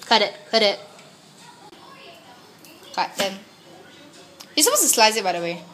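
A woman's voice: medium pitch, big pitch swings, measured pace, fairly bright tone. A young woman chatting casually while cooking and filming in a small home kitchen at night, teasing her friend about how she cuts the food. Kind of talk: casual chat. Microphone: handheld phone camera. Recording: noisy kitchen with sizzling pan.

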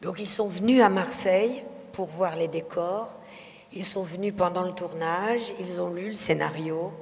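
A woman's voice: on the low side, moderate pace, gravelly, darkish tone, long reverb tail. A woman from France, a film director, giving reflective interview answers at a public talk. She hesitates often, with many fillers and restarts. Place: festival talk hall.

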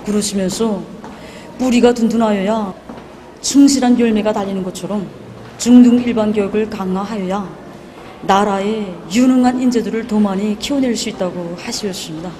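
Mellow-voiced North Korean woman. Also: mid-range voice, normal speed, big-room sound, a little hiss or hum. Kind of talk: formal interview statement.

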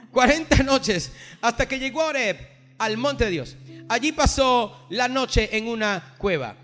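High-voiced, bright-toned preaching man. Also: expressive, a little slow. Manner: preaching with rising, declaiming intensity. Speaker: pastor. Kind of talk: sermon. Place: livestreamed from a church or studio.

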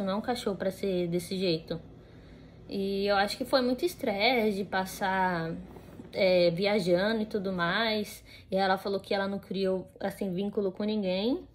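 A young woman with a Brazilian Portuguese accent talks straight to the camera from her home. Her voice sits at a middle pitch. She rambles along in a relaxed, casual way, full of fillers and restarts. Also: slight background noise. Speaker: vlogger.

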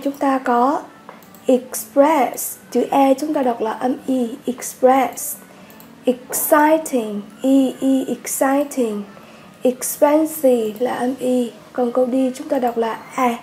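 A woman teaching an English workbook lesson with a Vietnamese accent, patiently repeating words slowly for her students. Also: high voice, warm tone, a little hiss or hum.

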